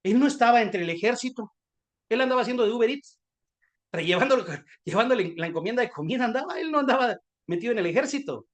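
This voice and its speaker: A Guatemalan-accented preacher delivers a sermon as lively storytelling. He mixes humor with fervent preaching. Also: extremely high pitch, fast talker.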